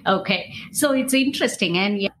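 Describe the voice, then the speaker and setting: A woman's voice: mid-range voice, lively intonation, brisk, background noise. A woman from India hosting an interview, talking in a reflective, conversational way. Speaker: podcast host.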